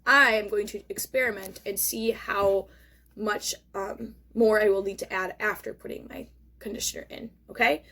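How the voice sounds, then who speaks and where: A woman's voice: mid-range voice, steady tone, moderate pace, pushed and bright, rough recording. A woman talking like a kids show host, encouraging young viewers directly as she casually narrates a hands-on craft demonstration. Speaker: host of a children's craft lesson.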